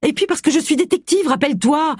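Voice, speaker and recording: Un lecteur de livre audio prête sa voix à une détective d'une cinquantaine d'années, nerveuse et prompte à s'emporter. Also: female voice, fairly low pitch, brisk, dark tone, breathy edge, dry recording, studio quality, pitched above the performer's own voice. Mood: tendue. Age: 50s. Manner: tense, emotional outbursts. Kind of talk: audiobook character voice.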